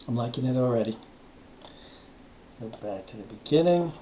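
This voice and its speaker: A man's voice: medium pitch, normal speed. A man hosting a music reaction video, chatting casually and joking with his co-host. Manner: joking, animated banter.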